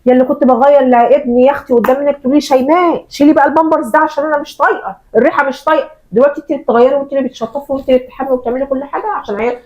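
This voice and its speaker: A woman's voice: high voice, racing, hardly any pauses, a little mellow, lo-fi sound, close to an everyday voice. A woman playing a reproachful eldest daughter and mother of four who resents her sister, speaking with an Egyptian Arabic accent in a family drama skit. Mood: indignant. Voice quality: indignant, reproachful.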